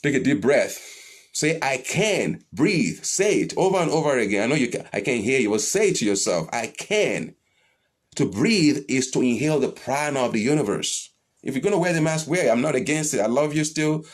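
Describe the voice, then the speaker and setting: A man leading a live-streamed spiritual talk and answering viewer questions, blunt and animated, swearing freely and pushing his pitch up for emphasis. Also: brisk. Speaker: spiritual teacher.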